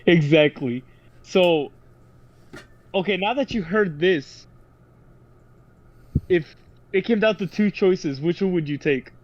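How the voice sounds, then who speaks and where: A man's voice: high voice, slow, pauses often. A young man co-hosting a casual podcast, emphatic and exasperated, with some swearing. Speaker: podcast co-host. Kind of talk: casual chat. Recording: dull lo-fi sound.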